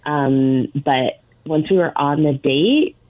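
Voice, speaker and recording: A woman's voice: low voice, takes it slowly, no echo. A woman called on air by a radio show, explaining herself hesitantly with many fillers, heard over a tinny phone line.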